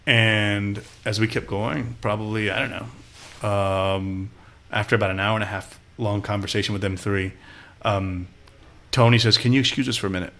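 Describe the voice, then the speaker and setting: A podcast guest from Austin, Texas tells stories in a casual interview, speaking at a moderate pace in a voice on the low side. He's an animated storyteller who acts out the people he quotes.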